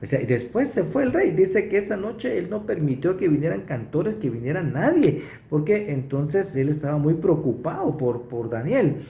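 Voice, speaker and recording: A man preaching, teaching through a Bible passage verse by verse and pausing to stress what he reads. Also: a little high, sing-song, gravelly, dark tone, slight background noise. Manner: explanatory, pauses to stress verses. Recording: roomy echo.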